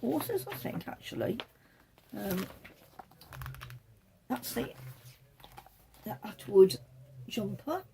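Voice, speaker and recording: A woman's voice: mid-range voice, sing-song, slow, creaky, pauses often, mellow, slight background noise. A woman hosting a knitting podcast, chatting casually as she shows patterns from a book, rambling and correcting herself as she goes.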